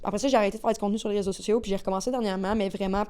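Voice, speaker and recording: A woman with a Québécois accent, a guest on a podcast, telling stories in rapid, slangy, animated casual talk. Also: mid-range voice, clean tone. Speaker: guest, agency owner.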